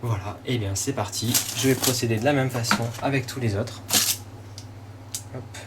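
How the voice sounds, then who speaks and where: A man's voice: mid-range voice, moderate pace. A man with a French accent hosting a cooking demonstration in a casual, encouraging, step-by-step way, with small interjections. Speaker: cooking show host. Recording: clearly noisy room ambience behind voice.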